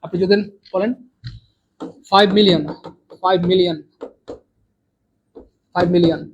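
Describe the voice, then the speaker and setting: A man with a Bangladeshi Bengali accent teaching an English exam lesson live online, repeating and drilling words and swinging between loud and soft. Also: sits high, steady tone, unhurried, highs cut off, a little hiss or hum.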